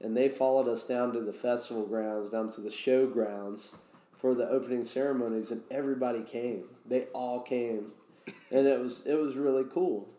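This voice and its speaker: A man's voice: medium pitch, fairly even intonation, normal speed, dark tone. A man guest casually telling stories, rambling with many restarts. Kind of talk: casual storytelling. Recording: roomy echo.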